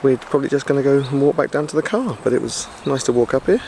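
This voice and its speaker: A man's voice: mid-range voice, expressive, fast, vocal fry, mellow, slight background noise. A man chatting casually on a travel vlog, laughing at himself, filmed outdoors and in a car. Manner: chatty, self-mocking, laughs often. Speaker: vlogger.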